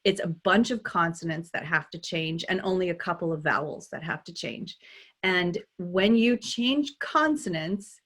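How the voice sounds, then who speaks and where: A woman, a dialect coach, talking in a relaxed interview, animated and laughing often, with many restarts. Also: on the low side, normal speed. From United States. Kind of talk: conversational interview.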